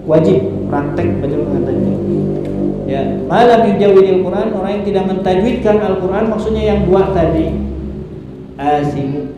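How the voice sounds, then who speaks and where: A man teaching correct Quran recitation, chanting verses slowly before explaining the rules. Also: high-pitched, loud music behind the voice. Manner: models recitation in slow drawn-out chanting, then explains. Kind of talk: teaching tajwid pronunciation. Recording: echoey hall, mic far off, faint hiss.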